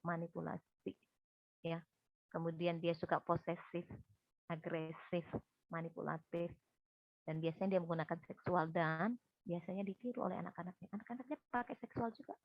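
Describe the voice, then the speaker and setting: Animated woman speaker, dull dry recording. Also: fairly low pitch, creaky, husky, no room sound. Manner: lively storytelling, often addressing the listeners directly. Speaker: counselor and guest speaker.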